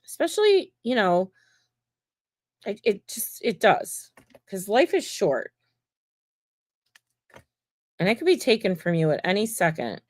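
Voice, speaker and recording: Working on mosaics during her livestream, an adult woman rambles casually to her viewers while crafting. Her mid-range voice is very animated, a little slow, and full of pauses, in a clean studio recording with no room sound.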